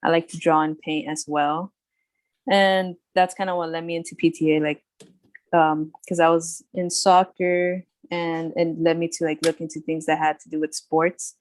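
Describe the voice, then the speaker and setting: Young cali woman, low flat voice, chatty, says like a lot. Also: moderate pace, no echo. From California, US. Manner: chatty, lots of "like". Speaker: new student.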